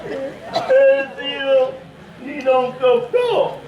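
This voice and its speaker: An actor playing an insistent foreign gentleman with a mock French accent in a live stage comedy, speaking halting, emphatic broken Italian. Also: extremely high pitch, expressive, highs cut off, a faint crowd, exaggerated voice. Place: live theatre performance, distant mic. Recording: echoey stage from far off, audience sounds.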